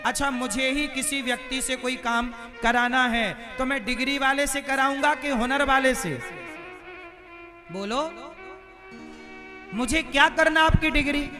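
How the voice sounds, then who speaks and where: A man's voice: very high-pitched, fairly even intonation, a little slow, pauses often. A man giving a devotional sermon to a live crowd, preaching and firing rhetorical questions at his listeners. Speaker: religious storyteller. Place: live religious gathering. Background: instrumental devotional music.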